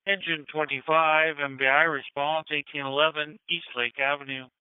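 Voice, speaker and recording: A man's voice: on the high side, little pitch movement, normal speed, clear, resonant tone, no echo. A man working as a fire and medical dispatcher, giving procedural, matter-of-fact calls over two-way radio. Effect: two-way radio transmission. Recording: tinny narrow-band scanner radio.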